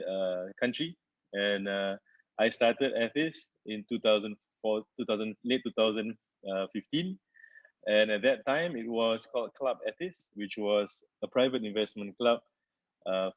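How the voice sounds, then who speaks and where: A man gives a webinar presentation from home, and his speech keeps stopping on "uh" fillers and restarts. His voice sits fairly low. The sound is dry and a little dull, like a home computer mic. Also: no room sound. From Singapore. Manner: halting, with frequent "uh" fillers and restarts. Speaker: company founder presenting a webinar.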